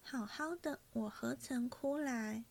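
A woman reading aloud and voicing a fragile, sharp-tongued young noblewoman in a soft, lilting, raised voice. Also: fairly high pitch, takes it slowly, creaky, exaggerated voice. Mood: forced cheer.

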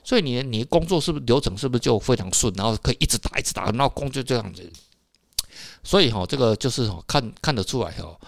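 A man's voice: mid-range voice, animated, fast talker, creaky, no echo. A man with a Taiwanese Mandarin accent, hosting a casual solo talk for listeners, rambling with filler particles and tag questions. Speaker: podcast host.

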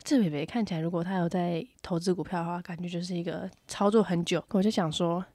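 A woman co-hosting a podcast, telling a story in casual chat, acting out her own panic in high squeals. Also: steady tone, fast talker, warm tone, no echo, clean studio sound. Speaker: podcast co-host.

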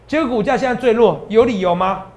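Taiwanese mandarin guy hosting a stock show, talks super fast, brags and lectures his viewers like a class. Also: very high-pitched. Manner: animated, boastful, lecturing the audience as students. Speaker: stock market analyst host.

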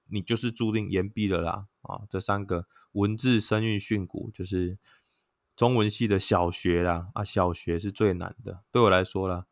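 Taiwanese-accented male vlogger, lowish voice, dry close sound, chatty explainer. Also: no echo. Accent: Taiwanese Mandarin. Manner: chatty, sprinkles "oh" fillers, chants tones aloud. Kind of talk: casual explanatory talk.

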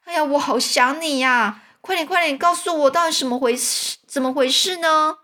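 A woman voicing a nervous young boy in a storybook reading, stammering and excitable. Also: high voice, moderate pace, voice pushed up. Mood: overjoyed.

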